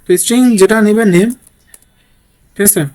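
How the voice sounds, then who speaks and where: A man's voice: sits high, steady tone, a little fast, a little mellow. A man teaching a programming lesson while typing code, thinking aloud and often checking in with "okay?". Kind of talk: screen-recorded coding tutorial.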